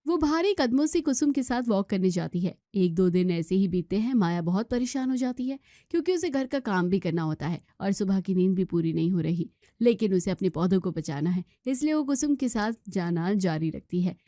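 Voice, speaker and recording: A woman's voice: mid-range voice, expressive, a little fast, mellow, no echo, clean studio sound. A woman narrating a moral story in plain storytelling style.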